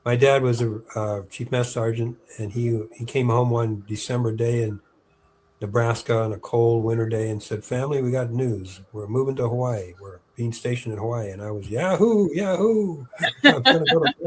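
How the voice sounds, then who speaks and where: A man's voice: mid-range voice, moderate pace. A man in his seventies chatting as an interview guest, rambling with many fillers and restarts. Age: 70s. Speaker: interview guest, historic park staff. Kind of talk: casual interview chat.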